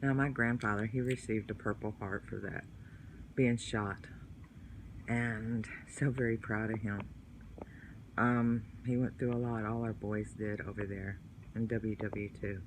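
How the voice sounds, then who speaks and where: A man's voice: on the low side, level tone, unhurried, slight background noise, low-quality recording. A man telling family stories in a vlog, partly reading from his book, in an earnest and heartfelt way. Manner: earnest, heartfelt, religious storytelling. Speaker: vlogger.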